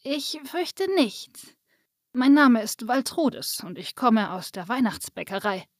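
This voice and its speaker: A woman voicing a small, plump, grandmotherly female Christmas fairy who talks slowly and gently. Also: fairly high pitch, lively intonation, no echo, clean studio sound. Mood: gentle.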